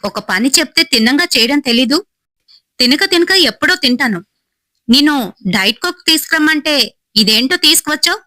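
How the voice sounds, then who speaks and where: A woman's voice: high-pitched, animated, a little fast, long pauses, pushed and bright, no echo, voice pushed up. A woman voicing a spoiled, short-tempered actress scolding her assistant. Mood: irritated scolding. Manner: scolding, irritated.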